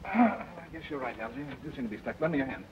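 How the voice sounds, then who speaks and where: An actor playing a witty, upper-class gentleman adventurer in a 1930s film, speaking briskly and dryly. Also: mid-range voice, big pitch swings, natural voice. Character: dashing gentleman adventurer in love. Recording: dull old film soundtrack with hiss.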